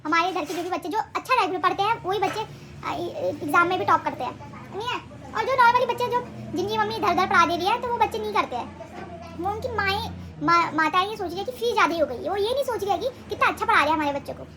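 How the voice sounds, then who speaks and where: A woman's voice: extremely high pitch, expressive, fast talker, noisy background. A young woman vlogging casually at home on a handheld phone, rambling and correcting herself as she talks. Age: young adult. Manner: rambling, chatty, self-correcting. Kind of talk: casual home vlog chat. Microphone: handheld phone camera.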